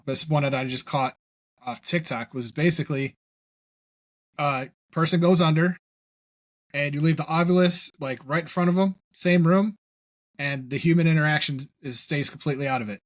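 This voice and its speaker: A man co-hosting a casual podcast chat, agreeable and trailing off quietly at the ends of thoughts. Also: on the high side, moderate pace, no room sound. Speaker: podcast co-host.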